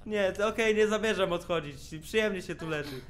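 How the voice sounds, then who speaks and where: A young man casually commenting on a video game as he plays, cracking jokes, swearing often and shouting at the screen when things get tense. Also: sits high, fairly quick, slight background noise. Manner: jokey, swears a lot, yells at the screen in tense moments. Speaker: let's play gamer. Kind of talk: casual let's play commentary.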